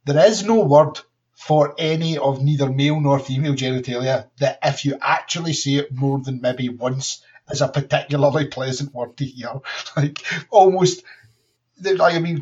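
A man's voice: on the high side, moderate pace, darkish tone. Laughing man on a dull, distant mic. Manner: rambling, frequent laughter, crude jokes. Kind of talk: casual chat.

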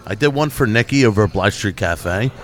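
A man with a fairly low voice that swings widely as he talks. He is brash and sweary in a frat-bro way, repeating phrases for emphasis in casual podcast chat. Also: animated, a little fast, soft background music. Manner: brash, profane bro talk with emphatic repetition.

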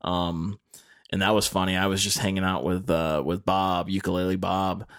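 A man's voice: deep voice, level tone, moderate pace, fairly bright tone. A man in his thirties from the Carolinas, hosting a casual chat with a laid-back, loose way of talking full of fillers. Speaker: podcast host.

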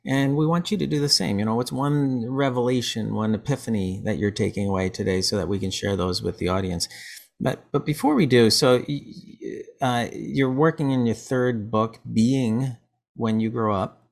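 A man's voice: mid-range voice, normal speed, creaky, a little mellow. A man hosting a podcast, telling stories in casual chat, rambling with many restarts. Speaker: podcast host.

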